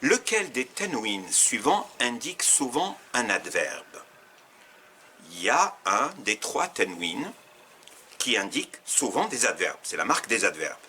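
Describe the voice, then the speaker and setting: A man with a fairly low but bright, forceful voice, running a quiz for his learners. His pitch swings widely as he poses each question, and he goes back over the answer choices one by one. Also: big pitch swings, measured pace, a little hiss or hum. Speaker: Arabic teacher.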